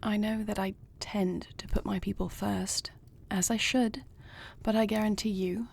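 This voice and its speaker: In an intimate fantasy audio roleplay, a woman voices a noble, devoted warrior queen, her delivery husky and breathy with measured, earnest, formal phrasing. Her mid-range voice holds a level, slightly mellow tone, and she sounds earnest and reassuring. There's slight background noise.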